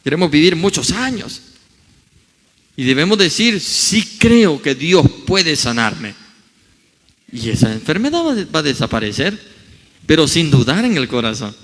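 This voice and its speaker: A man preaching from the pulpit, his voice high and lively with wide pitch swings. He acts out the scripture quotes as he goes. A long church reverb trails each phrase. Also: unhurried, pauses often. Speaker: pastor. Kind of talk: sermon. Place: church hall.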